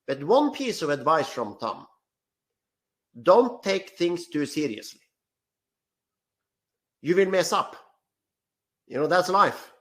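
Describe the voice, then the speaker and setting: An upbeat man hosts a live online webinar over a video call. His voice sits a bit higher than most men's. He talks eagerly, often restarting with repeated words. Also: fairly bright tone. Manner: enthusiastic, repeats words when starting sentences. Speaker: webinar host.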